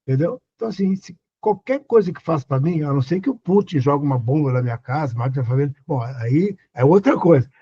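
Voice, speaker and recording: Older host, husky and mellow, earnest advice talk, dull lo-fi sound. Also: male voice, on the high side, expressive, quick pace, few pauses. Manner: earnest, repeats questions to the listener. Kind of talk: casual advice talk on a live stream.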